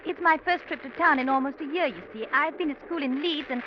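An actress playing a polite young English woman student in a radio drama, chattering on in a rapid stream. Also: high-pitched, natural voice. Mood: chatty, artless. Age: young adult. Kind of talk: mid-century radio drama acting. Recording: muffled, noisy old radio recording.

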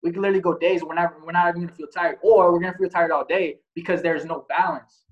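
A man's voice: fairly high pitch, fairly even intonation, fast, highs cut off. A man giving a casual motivational talk as host, blunt and profane, asking many rhetorical questions. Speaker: podcast host.

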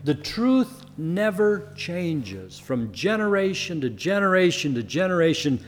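A man preaching a sermon as pastor, earnest, building to emphatic peaks and then dropping low. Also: very animated, measured pace, big-room sound.

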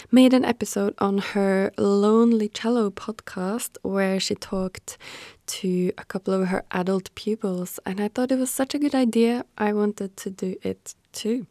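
Woman cello teacher hosting her podcast, calm and encouraging, dry close sound. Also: medium pitch, no room sound.

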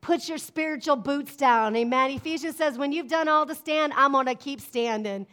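A middle-aged woman pastor with a high, somewhat bright voice preaches a sermon at a moderate pace. Her style is emphatic and conversational, with call-and-response that frequently asks the congregation "amen?".

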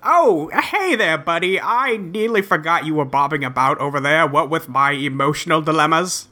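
In a comic script reading, an earnest young gentleman adventurer speaks in a polite, folksy way. His wordy, old-fashioned lines arrive in a bright, forceful voice whose pitch swings very lively, at a normal speed and in a genial mood.

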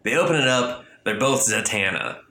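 A man in casual chat, animated and profane, who jumps into loud impressions. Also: medium pitch, normal speed, reverberant.

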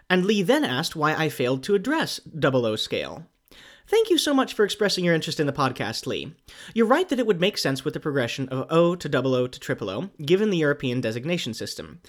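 An American grad student in their twenties hosts a hobby podcast, chatting casually in a medium-pitched voice and tossing in wry, self-deprecating remarks.

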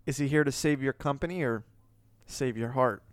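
A man hosting a podcast, chatting casually and rambling through restarts with plenty of swearing. His voice sits at an ordinary pitch and comes across dry and close. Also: moderate pace, clear, resonant tone, no room sound. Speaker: podcast host. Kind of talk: casual chat.

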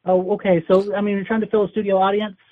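A man's voice: high-pitched, level tone, fast. A man working as a casting agent, talking hesitantly with many restarts, heard over a phone speaker. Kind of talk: phone call. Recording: tinny phone line.

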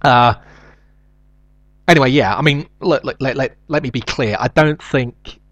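A man's voice: mid-range voice, unhurried, fairly bright tone, dry recording. A middle-aged man with a nasal South London accent, hosting a show with a rambling, hesitant, self-deprecating comic monologue. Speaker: show host.

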